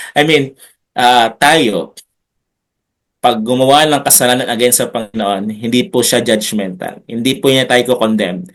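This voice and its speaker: A man pastor teaching a Bible lesson in an unhurried, chatty preaching style, with jokes and asides to his listeners. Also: medium pitch.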